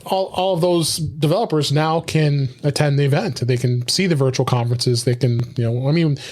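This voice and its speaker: A man's voice: a little high, brisk, darkish tone. Rambling man hosting a tech podcast. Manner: rambling, many fillers and restarts. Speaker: podcast host. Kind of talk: casual tech podcast chat.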